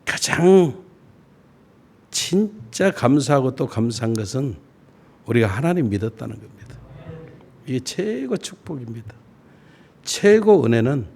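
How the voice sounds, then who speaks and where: A middle-aged man preaching a sermon as a pastor, folksy and self-deprecating, with slow deliberate phrasing that rises on key words. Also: medium pitch, gravelly, a little mellow, a little hiss or hum. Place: church sanctuary.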